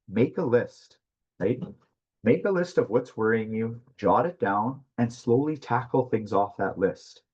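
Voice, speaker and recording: A man leads an online session as a presenter, his voice low and husky. He talks quickly, like someone racing the clock, and keeps asking "right?" as he teaches. The sound is muffled and lo-fi, as over a video call. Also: a little mellow. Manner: fast, repeats "right?" often. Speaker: webinar presenter on mental health. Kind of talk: conversational teaching talk.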